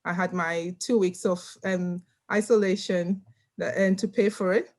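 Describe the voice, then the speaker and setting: A woman's voice: lowish voice, steady tone, measured pace, darkish tone. A woman from Nigeria speaking on a video call panel, earnest and emphatic, often repeating words as she stresses a point. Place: home room.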